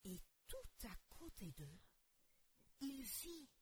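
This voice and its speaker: A woman narrates a children's Bible story with expressive, storytelling delivery, turning to ask the listener questions. Her pitch rises and falls in lively arcs. She reads slowly, letting each phrase land. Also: a little hiss or hum.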